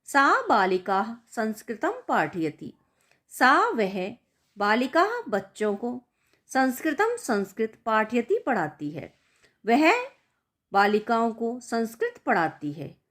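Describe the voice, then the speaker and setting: A woman's voice: a little high, a bit bright. A woman teacher who reads a text aloud word by word and then translates each word in a patient lesson. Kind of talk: line-by-line lesson explanation.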